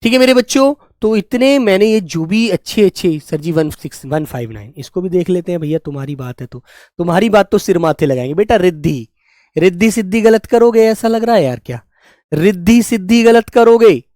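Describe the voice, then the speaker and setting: A man's voice: high voice, expressive, darkish tone, dry recording, studio quality. A young man teaching Hindi spelling in a live online class, calling students "beta" and drawing out each word as he drills it. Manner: affectionate, calls students "beta" and "my children"; repeats and drills words slowly.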